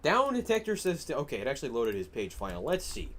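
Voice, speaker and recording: A young man ranting angrily over an online game, swearing a lot and swinging between shouts and low muttering. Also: huge pitch swings, fast. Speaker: gaming streamer. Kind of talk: ranting gameplay commentary.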